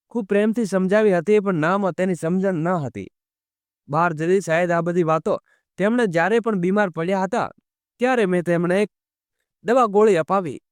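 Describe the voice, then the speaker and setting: Man, storyteller, high voice, dry close recording, scripted family-drama narration. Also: normal speed, clean tone, dry recording. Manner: reads all the characters' lines in the same narrating voice.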